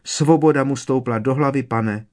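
A man voicing a tiny, servile female house-elf with a squeaky, trembling voice, reading a storybook. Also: animated, lightly acted. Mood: worried. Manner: fearful, deferential, keeps saying sir.

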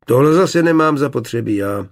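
A man's voice: medium pitch, animated, gravelly, breathy edge. A man voicing a stubborn young glassworker who answers curtly and offended, in a storybook reading.

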